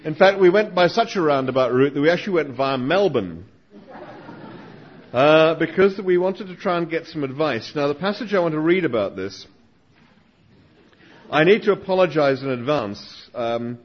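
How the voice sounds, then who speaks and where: A man's voice: a little high, lively intonation, moderate pace, husky, lo-fi sound. A man reading and telling a story to a live audience, with wry, dry asides.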